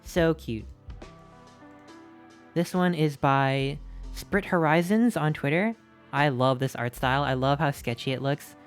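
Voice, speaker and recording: A streamer gushing over fan art in casual live-stream chat, excitable and repeating itself, a little out of breath. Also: medium pitch, moderate pace. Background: faint background music.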